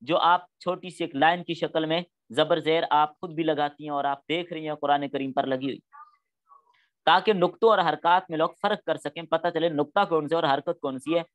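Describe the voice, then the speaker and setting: A middle-aged man lectures a class on Quran studies, patiently working through each step and acting out spoken examples. His voice is on the high side, with a steady tone at normal speed.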